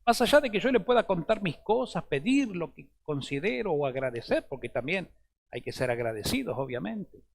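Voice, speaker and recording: A man with a Rioplatense Spanish accent, a priest giving an earnest sermon in short phrases that drop soft for intimate passages. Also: on the high side, big pitch swings, normal speed, creaky.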